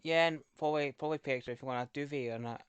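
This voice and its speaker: A man's voice: fairly high pitch, rapid-fire, smooth, no room sound, highs cut off. A man co-hosting a casual podcast, with an English accent and an easygoing, agreeable way of talking. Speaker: podcast co-host. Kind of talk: casual chat.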